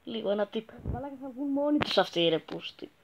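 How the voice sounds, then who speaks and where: A male YouTuber giving joking, crude gameplay commentary that bursts into excited shouts. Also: very high voice, creaky, noisy background. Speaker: gaming YouTuber.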